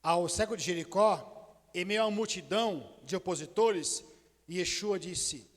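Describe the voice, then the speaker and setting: A man with a notably high voice preaches slowly and deliberately, pausing between phrases. He moves between ringing declarations and hushed, intimate asides, and his voice carries a long reverb through a large church room. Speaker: pastor. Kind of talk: sermon. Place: church sanctuary.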